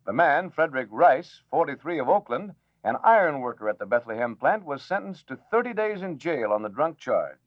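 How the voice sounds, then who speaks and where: A man reading a formal radio news bulletin in a measured announcer manner, heard as an old newsreel-style broadcast. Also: on the high side, sing-song, no echo. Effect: old newsreel-style broadcast sound. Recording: dull lo-fi old radio recording, dry.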